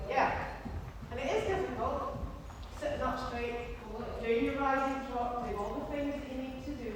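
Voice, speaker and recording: A woman coaching a horse riding lesson, giving brisk, encouraging commands and repeating short cues to her pupil. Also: a little high. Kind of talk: live riding lesson instruction. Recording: echoey hall, distant, noisy.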